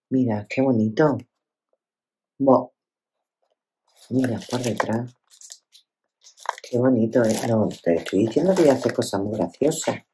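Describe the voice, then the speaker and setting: A woman's voice: rumbling low, a little mellow, slight background noise. Chatty woman from Spain unboxing gifts. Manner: chatty, exclaiming, lots of tag questions. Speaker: scrapbooking channel host. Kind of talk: casual unboxing chat.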